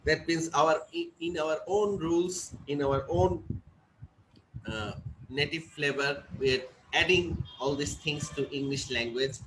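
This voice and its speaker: A man's voice: fairly high pitch, a little slow. A man teaching an English class, explaining step by step and often checking whether students follow. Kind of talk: classroom lecture. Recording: noisy classroom recording.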